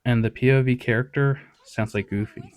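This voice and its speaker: A man's voice: medium pitch, steady tone, normal speed, a little mellow. A man hosting a retro media review, narrating casually with wry, sarcastic asides. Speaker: host.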